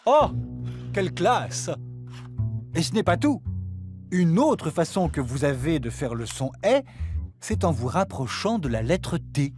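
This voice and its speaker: A man's voice: on the high side, sing-song, a little slow, darkish tone, soft background music. Playful man narrating a kids' lesson. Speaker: narrator and host. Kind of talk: scripted educational narration.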